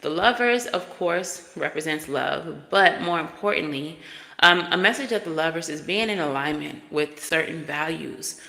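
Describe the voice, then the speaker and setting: Speaking to viewers through a microphone with an added echo effect and long reverb, a woman reads tarot in an easygoing, talkative style peppered with fillers. Her voice is low and creaky, at a normal pace.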